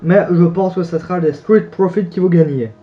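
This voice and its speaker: Recorded on muffled audio, a young French-speaking man with a high voice talks at a moderate pace through wrestling picks for his YouTube audience. His solo commentary is casual and rambling, peppered with hesitations and corrections.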